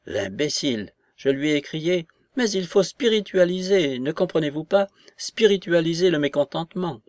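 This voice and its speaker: Man putting on a high, shrill old noblewoman, fanatical, exclaiming, storybook reading, dry sound. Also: lively intonation, moderate pace, no room sound, natural voice. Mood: insistent. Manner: agitated, exclaiming, insistent. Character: old aristocratic woman, shrill, fanatical, excitable.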